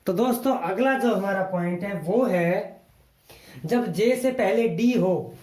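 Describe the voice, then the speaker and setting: A male teacher talks through a lesson at an unhurried, deliberate pace, spelling each word out letter by letter before he says it. He goes over every rule more than once, patiently. The recording has a roomy, echoey sound. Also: high-pitched, darkish tone. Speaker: English teacher. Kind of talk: explaining a lesson to viewers.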